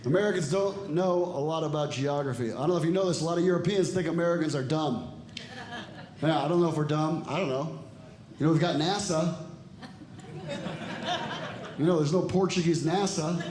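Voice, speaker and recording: A man's voice: on the high side, fairly quick, pauses often, darkish tone. Dry, self-deprecating stand-up comedian, a man. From Ecuador and El Salvador. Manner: dry, self-deprecating delivery with acted-out dialogue. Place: comedy club stage with a live audience. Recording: echoey room with audience noise.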